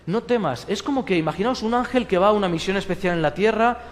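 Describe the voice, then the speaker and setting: Male pastor with a Spain Spanish accent, lively rhetorical sermon, higher-pitched voice, long hall reverb. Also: fast, slight background noise. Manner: lively preaching with rhetorical questions, dropping to a soft hush for quoted comfort.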